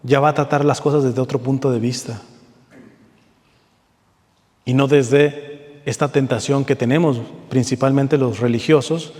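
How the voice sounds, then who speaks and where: A man preaching a sermon to a seated audience, earnest, with slow, deliberate readings and rising emphasis. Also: mid-range voice, darkish tone, long reverb tail.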